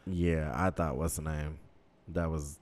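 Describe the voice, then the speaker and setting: A man's voice: extremely low pitch, level tone, a little slow, a little mellow. A man in his thirties chatting casually on a podcast, reacting and laughing a lot. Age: 30s. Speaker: podcast co-host. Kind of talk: casual chat.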